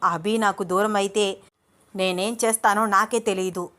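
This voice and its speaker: A woman voicing a jealous, hot-tempered young woman who scolds and shouts in a raised voice. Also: fairly high pitch, normal speed, voice pushed up, natural voice. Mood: angry.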